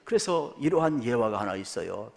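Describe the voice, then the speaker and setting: A man preaching a sermon to a congregation, moving between loud rising exhortation and soft storytelling, often addressing listeners directly with rhetorical questions. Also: medium pitch, animated, moderate pace. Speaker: pastor. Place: church sanctuary. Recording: long church hall reverb.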